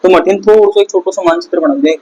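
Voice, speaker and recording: A man's voice: high voice, fast talker, dark tone, lo-fi sound. Male teacher drilling a class. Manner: quizzes the class with repeated questions. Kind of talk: classroom lecture. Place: classroom with students.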